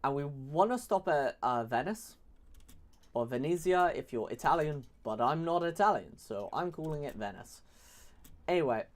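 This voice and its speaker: A man's voice: on the high side, animated, normal speed. A man giving casual, rambling commentary on a strategy game he is playing, often restarting phrases and mocking his opponents sarcastically. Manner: rambling, sarcastic, self-correcting. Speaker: gaming YouTuber.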